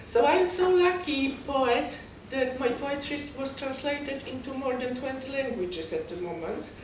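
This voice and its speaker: Polish-accented woman in a very echoey, noisy room. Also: sits high. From Poland. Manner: halting, non-native English phrasing. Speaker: guest, poet and novelist. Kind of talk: interview, personal account. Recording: very echoey, distant mic, noisy background.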